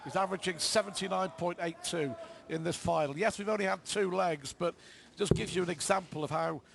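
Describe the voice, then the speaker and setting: A man's voice: high voice, fairly quick. A man giving live darts commentary as the lead commentator. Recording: clear background noise from venue.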